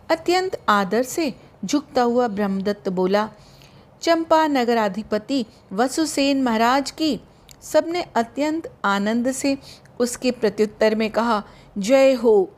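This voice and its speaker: Woman reading a novel aloud, slow and careful, kinda high voice. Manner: slow, measured, literary reading. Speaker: audiobook narrator. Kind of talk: scripted audiobook narration.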